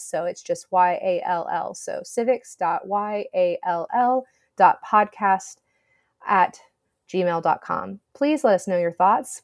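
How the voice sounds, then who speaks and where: A woman's voice: on the low side, no room sound. A woman co-hosting a podcast, reading announcements in a friendly, chatty way. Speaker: podcast co-host.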